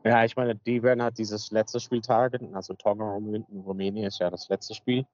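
Man, low voice, rambling co-host, dry muffled low-quality sound. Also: flat delivery, normal speed, a little mellow. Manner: rambling, leans on fillers. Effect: low-quality, muffled recording. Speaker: podcast co-host. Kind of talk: casual chat.

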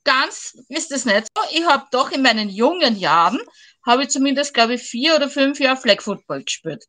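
A woman chats eagerly as a guest over a video call. Her voice sits high and sounds bright and forward. She talks in a lively, enthusiastic way. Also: moderate pace. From Vienna, Austria. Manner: chatty, enthusiastic. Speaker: guest, football fan. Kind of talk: casual chat.

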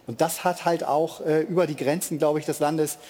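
A man's voice: fairly high pitch, fairly even intonation, moderate pace, mellow. A man giving opinionated football analysis on a TV panel, emphatic and repeating phrases to make his point. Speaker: TV football pundit.

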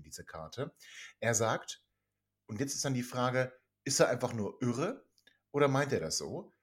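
A man from Germany hosting a casual football podcast and handing questions to his co-hosts. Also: medium pitch. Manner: leads the round, passing questions to co-hosts. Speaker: podcast host.

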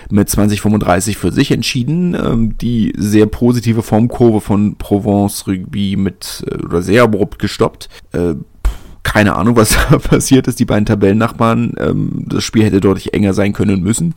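A lowish male voice with a chatty, thinking-aloud delivery, recorded dry and close. A man hosting a podcast in casual spoken commentary, restarting sentences as he works through his points. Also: normal speed, creaky, a little mellow, no room sound. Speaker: podcast host.

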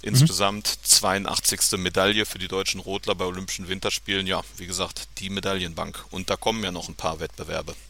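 A male sports reporter joins a podcast as a guest, his voice low and sharp. He hesitates often, repeating words and filling pauses. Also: little pitch movement, vocal fry. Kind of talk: podcast interview.

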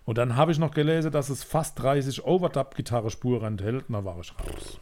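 A man's voice: mid-range voice, a little fast, darkish tone. Male podcast co-host, blunt and jokey, casual music review.

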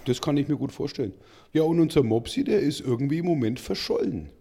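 A man's voice: a little high, big pitch swings, fast, vocal fry, dark tone, breathy edge. A middle-aged man co-hosting a German football podcast in casual chat, rambling and chatty with frequent fillers. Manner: rambling, chatty, says "ich sag mal" a lot. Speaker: podcast co-host.

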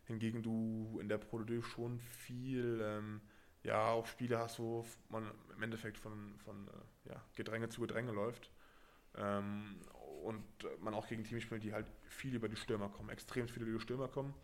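A young man from Berlin hosts a relaxed podcast conversation. His voice sits fairly low, and he talks casually, restarting sentences and filling pauses as he goes. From Berlin, Germany. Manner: relaxed, chatty, many fillers and restarts. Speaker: podcast host and rugby player.

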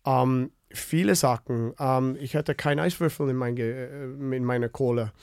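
A man's voice: medium pitch, normal speed, gravelly, a little mellow, clear, resonant tone, no echo, clean studio sound. A man in his fifties from Canada, speaking with a Canadian English accent and many fillers and restarts as a podcast guest. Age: 50s. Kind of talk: casual interview chat.

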